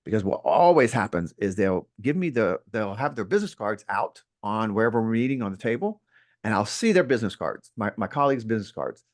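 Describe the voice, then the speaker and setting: A man who teaches real estate, talking in an interview with a lively, playful, emphatic manner from his home. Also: lowish voice, a little fast. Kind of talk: interview conversation. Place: at home near an outdoor deck.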